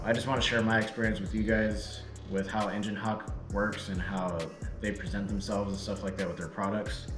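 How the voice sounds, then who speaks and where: A tired, slightly out-of-breath man casually rambling to his viewers as he unboxes and reviews a product. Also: fairly low pitch. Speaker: vlogger. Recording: echoey room with background music.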